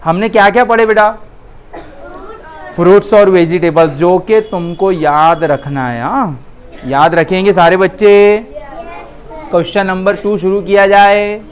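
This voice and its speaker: A woman's voice: lowish voice, unhurried, long pauses. A woman teaching a class, naming words and coaxing students to answer her questions. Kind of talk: classroom lesson.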